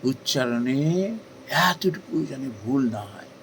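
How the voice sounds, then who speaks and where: A man delivers a devotional talk at a middling pitch. He speaks earnestly and persuasively, posing questions and answering them, lifting his voice for emphasis before dropping back down. A faint hiss of noise sits under the recording. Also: expressive, unhurried, rough recording. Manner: earnest, rhetorical questions, rising emphasis then softening. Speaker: spiritual speaker. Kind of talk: devotional discourse.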